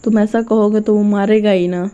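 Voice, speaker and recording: A woman voicing a nervous young man who frets and placates in hurried talk. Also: medium pitch, steady tone, dark tone, smooth, lo-fi sound, lightly acted. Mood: placating. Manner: fretful, hurried inner talk.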